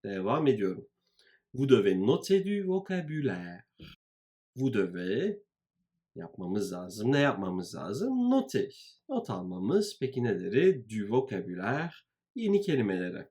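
Man, teacher, grammar walkthrough, unhurried, repeats phrases, lively intonation. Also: on the low side. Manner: slow, deliberate, repeats phrases. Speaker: French teacher.

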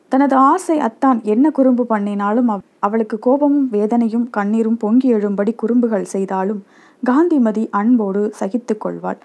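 Mellow woman narrating a short story. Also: a little high, lo-fi sound.

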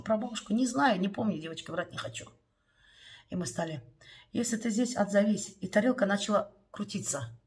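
A woman's voice: medium pitch, darkish tone, far from the mic. A woman telling a personal story to her viewers in a chatty, confiding way, often calling them "girls". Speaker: vlogger.

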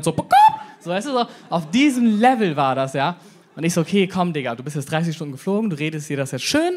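High-voiced german guy in his twenties doing stand-up, slangy, does little voices for the people in his stories. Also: darkish tone. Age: 20s. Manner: brash, slangy, acts out quoted voices. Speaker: stand-up comedian. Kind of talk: stand-up comedy set. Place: comedy club stage with live audience.

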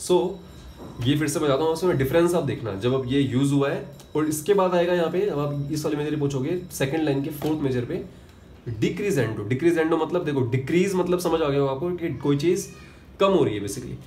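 A man's voice: fairly high pitch, normal speed, a little mellow, a little hiss or hum. Man counting beats in a piano lesson. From India. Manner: counts beats aloud, explains step by step, mixes in English terms. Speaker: piano teacher. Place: room with a piano. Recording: echoey room with piano playing.

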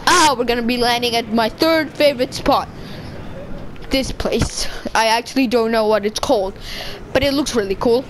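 A woman giving casual, chatty commentary over her gameplay, excitable and constantly correcting herself mid-sentence. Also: on the high side, normal speed, slight background noise, poor audio. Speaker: gaming video creator.

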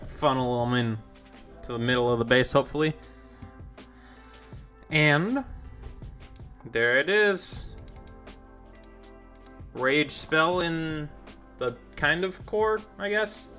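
A man's voice: a little high, slow, long pauses, bright, forceful tone, soft background music. A young man giving rambling, casual commentary over his own gameplay, easily confused and self-deprecating. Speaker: gaming YouTuber.

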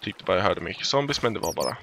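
A man's voice: low voice, big pitch swings, gravelly, noisy background. A Swedish man giving playful, casual commentary while playing a video game, often singing made-up lines and exclaiming. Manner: playful, improvises silly songs and exclamations. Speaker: let's play gamer.

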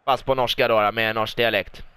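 A young Swedish man calls a football match like a broadcast commentator, bursting into loud repeated goal calls. His voice is bright and clean, a little high, close on the mic in a dry room. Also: steady tone, smooth, no echo. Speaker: gaming YouTuber commentating his own match. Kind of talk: mock football commentary over gameplay.

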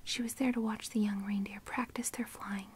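A woman reading a children's storybook aloud in a soft, unvoiced ASMR whisper. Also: mid-range voice, fairly even intonation, moderate pace, a little hiss or hum. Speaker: reader.

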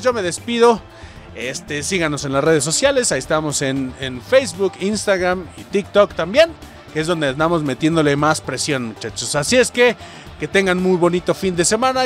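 Excitable Mexican man commenting on a game. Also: sits high. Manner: shouts and laughs at goals, casual slang. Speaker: gaming video host. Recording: faint game music behind.

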